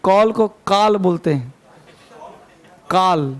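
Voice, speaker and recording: A man leads a grammar lesson in a classroom, his voice pitched high with a rough, gravelly texture. He repeats key points, corrects pronunciation and calls the students to order in a fond, chiding way. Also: a little slow, a little mellow. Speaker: English teacher.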